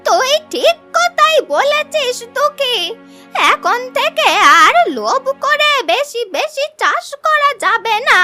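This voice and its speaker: A woman voicing an elderly grandmother in a cartoon who talks slowly and thoughtfully. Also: extremely high pitch, bright, forceful tone, heavily acted. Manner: slow, drawn-out speech.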